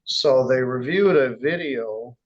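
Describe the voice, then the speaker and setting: A man presiding as a judge in a courtroom, reading charges in a measured, formal way with casual asides. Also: mid-range voice, dull audio. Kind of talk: courtroom proceedings.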